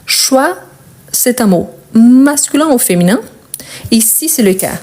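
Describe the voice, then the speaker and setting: Slow, deliberate woman teaching grammar. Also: fairly high pitch, lively intonation, a little mellow. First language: Portuguese. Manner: slow, deliberate, repeats words for learners. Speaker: French teacher. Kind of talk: grammar lesson.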